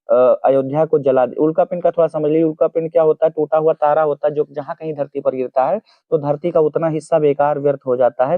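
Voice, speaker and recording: Hindi teacher dictating meanings, phone-like sound. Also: male voice, on the high side, dry recording. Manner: slow, repeats each meaning for dictation. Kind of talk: explaining poem word by word. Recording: dry, phone-like narrow sound.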